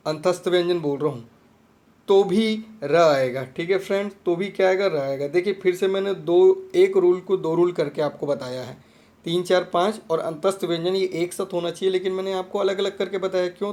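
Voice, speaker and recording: High-voiced man teaching an exam-prep lesson. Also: fairly quick, a little mellow. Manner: repetitive, checks understanding with "theek hai friend".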